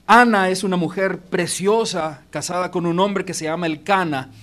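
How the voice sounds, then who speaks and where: A man's voice: high-pitched, normal speed, fairly bright tone. A male pastor preaching a sermon in a church auditorium, emphatic and speaking straight to the congregation. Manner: emphatic, addresses congregation directly.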